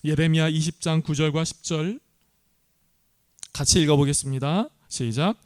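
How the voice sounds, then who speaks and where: A man delivers a sermon, turning often to the congregation with questions. His voice is clear and resonant and pitched somewhat high, and the sound is close and dry with no room echo. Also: normal speed. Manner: earnest, asks the congregation questions. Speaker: pastor.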